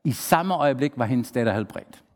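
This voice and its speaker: A man preaching a sermon, lively, asking the congregation questions and acting out the people he quotes. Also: medium pitch. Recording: long hall reverb.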